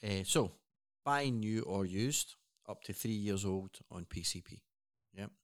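A man's voice: fairly low pitch, animated, a little slow. A man co-hosting a casual news chat, earnest and rambling with frequent restarts. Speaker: co-host.

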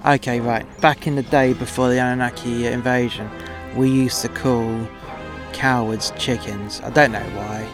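A man's voice: medium pitch, steady tone, moderate pace, close to an everyday voice. Man playing a cocky starship captain over music. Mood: cocky, explaining. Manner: informal, sweary, commanding. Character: gung-ho male starship captain, foul-mouthed, reckless and cocky. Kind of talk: audio drama acting. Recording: loud music behind the voice.

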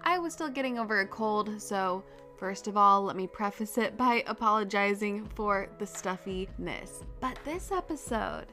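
A woman's voice: medium pitch, lively intonation, normal speed, pushed and bright, soft background music. Woman doing a casual podcast ad read. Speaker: podcast host reading a sponsor ad.

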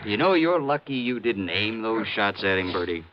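An actor playing a gruff, bossy police sergeant, a brusque old-time beat cop, in a 1950s radio detective drama. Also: male voice, fairly low pitch, very animated, moderate pace, a little hiss or hum. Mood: brusque, placating. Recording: dull vintage radio broadcast.

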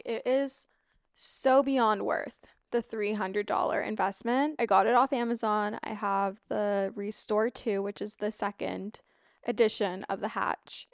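A young adult woman with vocal fry and a slight rasp, chatting casually through a lifestyle routine with informal asides. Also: medium pitch, no echo, clean studio sound. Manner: informal, frequent asides and digressions. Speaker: lifestyle vlogger. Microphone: close microphone, wearing wired headphones.

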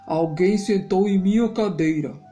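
A woman voicing a big, gruff papa bear in a children's story. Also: medium pitch, unhurried, warm tone, a little hiss or hum, natural voice.

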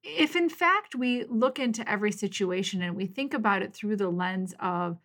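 A woman's voice: medium pitch, moderate pace. A middle-aged woman hosting her own podcast, talking through a personal story in an encouraging, storytelling way. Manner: warm, encouraging, storytelling with lively quoted voices. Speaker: podcast host. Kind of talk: casual solo podcast monologue.

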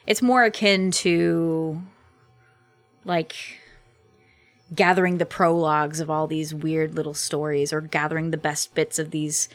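Young woman, low voice, dry mic. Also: flat delivery, a little slow, no room sound, faint music behind. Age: young adult. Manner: chatty, laughs often, rambling restarts. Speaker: podcast guest, voice actor. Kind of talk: casual podcast interview.

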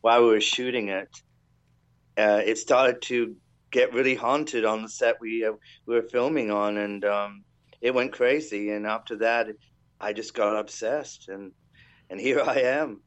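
A man speaking as an interview guest, casually and haltingly telling an anecdote. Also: on the low side, fairly even intonation, no echo, muffled recording.

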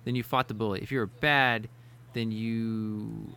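A man's voice: lowish voice, fairly even intonation, a little slow, vocal fry, sharp tone. A man running a casual quiz among friends, rambling with restarts and frequent laughs. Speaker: quiz host. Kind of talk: casual gaming chat.

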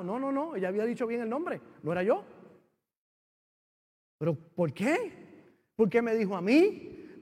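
Un pastor con acento puertorriqueño que predica un sermón, contando su historia con mucha emoción, pasando de exclamaciones fuertes a frases en voz baja. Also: male voice, sits high, slightly rough. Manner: emotive storytelling, swings from loud exclamations to hushed lines. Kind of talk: sermon. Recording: reverberant church hall.

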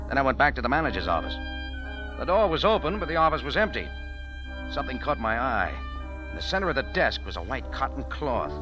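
Speaking at medium pitch and only lightly acting, an actor voices a tough, wry cafe owner who tells his own adventure in first person, 1940s radio fashion, firing off quick wisecracks. The recording sounds rough.

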